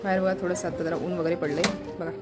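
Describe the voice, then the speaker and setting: Chatty lady vlogging round the house, talks fast, music in background. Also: on the low side, fairly even intonation. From Maharashtra. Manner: chatty, keeps pointing things out to viewers. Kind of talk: casual home vlog narration.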